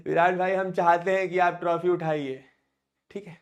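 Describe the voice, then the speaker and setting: High-voiced chatty male math teacher. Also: level tone, moderate pace. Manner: chatty and teasing, banters with students and answers chat questions; coaxing, repeats questions to drill students. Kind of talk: live online math class.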